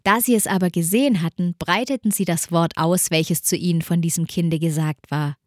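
Woman, scripture reading, lowish voice, dry sound. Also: normal speed, dry recording. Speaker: scripture reader.

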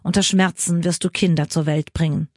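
A woman's voice: deep voice, fairly even intonation, a little fast, a little mellow, dry recording, clean studio sound. A woman reading the words of a stern God passing judgment, in a solemn, grave manner.

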